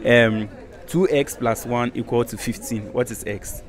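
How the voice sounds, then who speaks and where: Unhurried and fairly even in intonation, a young man's mid-range voice carries a Ghanaian accent as he hosts a teasing campus quiz interview. He laughs often and shifts into Pidgin, speaking into a handheld mic on a rooftop terrace outdoors at night.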